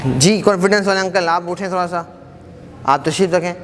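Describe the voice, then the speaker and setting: Encouraging male teacher in an echoey mosque hall. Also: high voice. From Pakistan. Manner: encouraging, brisk questioning of students. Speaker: Arabic teacher. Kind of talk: classroom quiz lesson. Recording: echoey hall with background noise.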